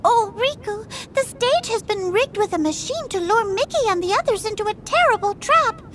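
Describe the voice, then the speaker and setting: A woman voicing a sweet, earnest mouse princess with a squeaky, genteel way of speaking in a game cutscene. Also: lively intonation, normal speed, fairly bright tone, a little hiss or hum. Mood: worried, grateful. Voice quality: squeaky, high. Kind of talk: scripted video game cutscene acting.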